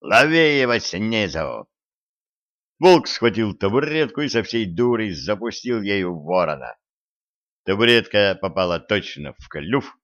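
A man narrating a fairy-tale storybook with slow, measured reading. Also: fairly low pitch. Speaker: audiobook narrator. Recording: dull lo-fi audio.

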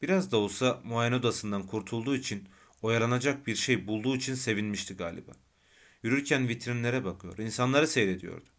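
A man narrating an audiobook of a novel in a calm, measured reading. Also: mid-range voice. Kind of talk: scripted narration.

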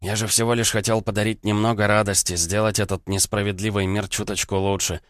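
A sly little crossroads demon who wheedles and pleads in a deep, smooth, low voice, as a male narrator puts him on. The recording is dry and close, with almost no room sound. He sounds ingratiating and self-pitying, as in a fantasy storybook. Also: little pitch movement, brisk, dry recording, natural voice. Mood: wheedling.

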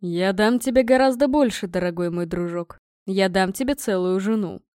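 A woman's voice: mid-range voice, moderate pace, darkish tone, dry recording, studio quality, lightly acted. Woman putting on a smug mocking king. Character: smug, teasing middle-aged male king. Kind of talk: audiobook reading.

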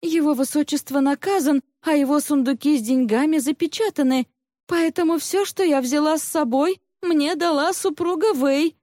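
A woman's voice: high-pitched, normal speed, mellow, no room sound, clean studio sound, pitched above the performer's own voice, natural voice. A woman voicing a frightened young palace maidservant who pleads tearfully in a storybook reading. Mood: frightened pleading.

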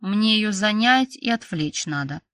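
A woman's voice: mid-range voice, expressive, a little slow, a bit bright, no room sound, far from the mic. A woman voicing a brash young male boss who is sly, smug and pushy, in an audiobook. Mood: coaxing. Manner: smug, wheedling, then snapping orders.

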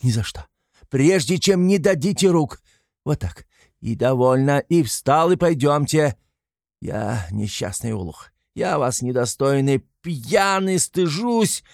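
A man voicing an excitable, tipsy young man who rants passionately in an audiobook reading. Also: medium pitch, slow pace, creaky, dry recording, studio quality. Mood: gushing. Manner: ranting, passionate, exclamatory.

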